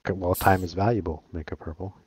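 A man's voice: low voice, steady tone, fast talker, darkish tone, slightly rough, no room sound. A man in casual argumentative chat, blunt, crude and dismissive, often repeating himself.

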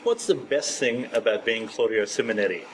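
A young man interviewing a guest, asking quick questions and backing him up with frequent yeahs. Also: lowish voice, lively intonation, noisy background. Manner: eager, quick questions with frequent "yeah" backchannels. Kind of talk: casual interview. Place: seated on a dark stage.

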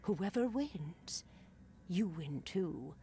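A woman playing a sly, cryptic fortune teller in a video game, speaking in a hushed, dramatic, breathy voice. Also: fairly low pitch, expressive, extremely slow, soft background music, heavily acted. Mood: trance-like, foreboding. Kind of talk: video game character acting.

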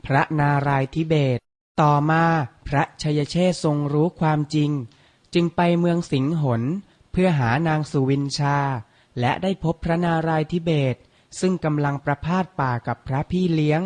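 A man hosting a children's reading lesson. He narrates a storybook tale and drills vocabulary with slow, deliberate, crisp enunciation and old-fashioned courtly politeness. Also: fairly high pitch, a little mellow.

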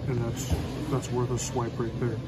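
A man's voice: medium pitch, little pitch movement, moderate pace, heavy background noise. A young man hosting a casual food review vlog, chewing while he talks in a laid-back, joking way. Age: young adult. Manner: laid-back, jokey, goofy slang.

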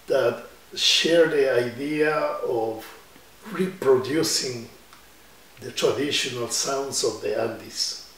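Slow-talking older man from Ecuador. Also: medium pitch, vocal fry, fairly bright tone, a little hiss or hum. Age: 70s. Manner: slow, reflective storytelling with hand gestures. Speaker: musician. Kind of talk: oral history interview. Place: indoor room with guitars on the wall. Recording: roomy sound from a distant mic.

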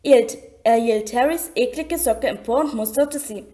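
A woman reading a children's fantasy novel aloud in a clear, measured narration. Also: a little high, dark tone. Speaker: audiobook reader. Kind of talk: storybook narration.

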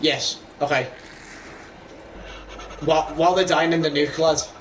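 A young man playing a co-op game with a friend, answering quickly in casual chat and now and then shouting a curse. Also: a little high, steady tone, background noise. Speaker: gamer.

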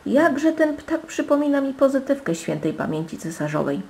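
A woman's voice: sits high, sing-song, moderate pace, gravelly, dark tone, voice pushed up, full character voice. A woman voicing a wistful old male court marshal in a fairy tale. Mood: nostalgic.

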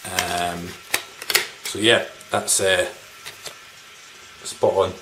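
Speaking very slowly in a level tone, a man with a low voice rambles informally, with some mild swearing, as he shows his game pickups to camera. He's a video game collector vlogger recording indoors in a small living room, and the room is noisy, with background noise and ambience.

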